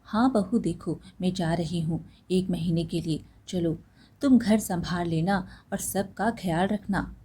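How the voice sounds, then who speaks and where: A woman's voice: on the low side, unhurried, dark tone, husky. Woman doing a stern, bossy mother-in-law. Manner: commanding, curt.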